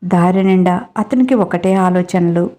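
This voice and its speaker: A woman storyteller reading a dramatic audiobook story with steady, dramatic narration. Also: on the low side, measured pace.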